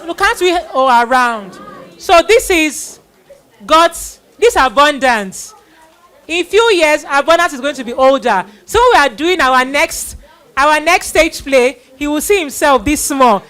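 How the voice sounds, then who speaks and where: Hosting a live children's church event built around a Bible play, a middle-aged woman acts as master of ceremonies in a high, fairly bright voice. She is expressive and a little slow, repeating phrases as she introduces people and urges them on.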